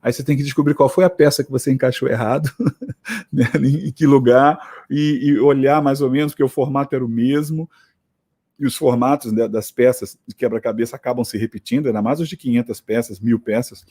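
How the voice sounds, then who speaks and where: A man's voice: medium pitch, brisk, mellow, breathy edge. A man with a Brazilian accent giving a motivational lecture to teachers, conversational and reflective, with frequent tag questions. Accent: Brazilian Portuguese.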